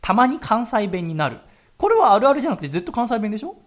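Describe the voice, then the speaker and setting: A radio host with a high, very animated voice reads listener mail and teases his co-hosts in loose, casual chat. He talks fast, playful and full of jokes.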